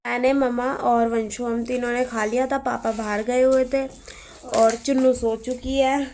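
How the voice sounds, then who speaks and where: Talking a little slowly in a high-ish, level, darkish voice, this young family vlogger rambles through stories for her viewers at home. Every so often she breaks off to coo at a baby.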